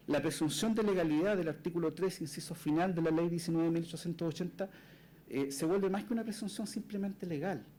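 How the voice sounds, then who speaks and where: A man, a lawyer making a formal oral argument before a court, measured, often tagging his phrases with a questioning "right?". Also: fairly high pitch, mellow, slight background noise, rough recording.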